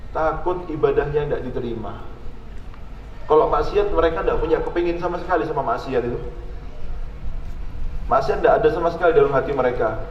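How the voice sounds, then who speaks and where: A man's voice: on the high side, slight background noise. A man with a Javanese-tinged Indonesian accent preaching a sermon, putting questions straight to the audience and asking for their agreement. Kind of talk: religious sermon. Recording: echoey hall, dull lo-fi sound.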